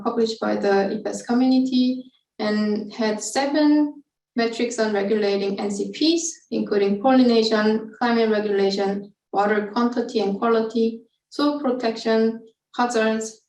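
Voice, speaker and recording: A woman with a slightly high, darkish voice presents her study methods in an explanatory scientific webinar. She speaks somewhat hesitantly, and the recording sounds echoey, with her far from the mic.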